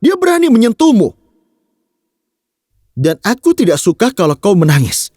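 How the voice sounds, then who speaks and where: A man's voice: sits high, huge pitch swings, normal speed, darkish tone, dry recording, clean studio sound, heavily acted. An actor dubbing a hot-headed young husband who scolds and pleads with his wife in a TV drama. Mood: scolding. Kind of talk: dubbed TV drama.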